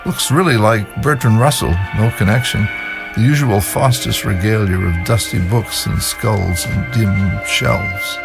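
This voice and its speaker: A man's voice: fairly low pitch, a little slow, gravelly. A man reading screenplay stage directions in a matter-of-fact way for an audio drama. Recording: music playing behind.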